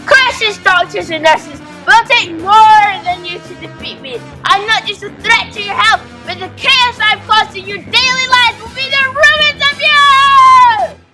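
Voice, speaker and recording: Gloating germ supervillain lady, a woman acting her out, very high voice, far mic, music playing. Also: measured pace, hardly any pauses. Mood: outraged. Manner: cackling, boastful, melodramatic. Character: gloating female virus supervillain, theatrical. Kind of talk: school stage play. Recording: distant mic with music behind.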